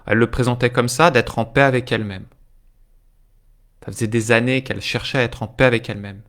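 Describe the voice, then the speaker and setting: A man coaching viewers through a live stream, with a voice of middle pitch. He talks off the cuff, full of small hesitations and asides to his audience. He drags out his key phrases for emphasis. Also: fairly even intonation, brisk, fairly bright tone. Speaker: life coach. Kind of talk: live-streamed motivational talk.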